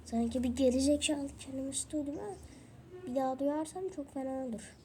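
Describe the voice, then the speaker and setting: A woman's voice: sits high, brisk, dark tone, a little hiss or hum, close to an everyday voice. A young woman voicing a short-tempered male teacher who swears and threatens the class. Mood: angry.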